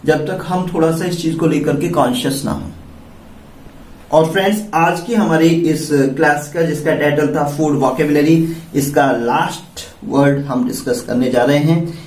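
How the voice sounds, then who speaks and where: A man with an Indian accent teaches English words in an unhurried, deliberate way, spelling each one out letter by letter and putting questions to his listeners. His voice sits a little high and sounds as if it was caught from a distance in a room with plenty of echo. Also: a little mellow. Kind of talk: classroom-style vocabulary lesson. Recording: echoey room, mic at a distance.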